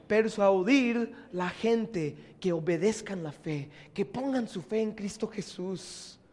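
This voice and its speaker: A man preacher, voicing the apostle Paul as an awed, humble grown man, speaking lower and hushed. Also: slow pace.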